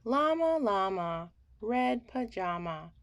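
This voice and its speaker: Reading a bedtime story for children at a slow pace, a medium-pitched woman performs it expressively and theatrically, bringing the feelings in the words to life.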